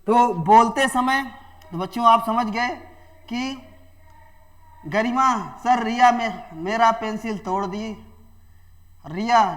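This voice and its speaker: A male teacher delivers a classroom grammar lesson in a high voice. He speaks slowly and deliberately, repeating each key phrase for his students. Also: fairly bright tone.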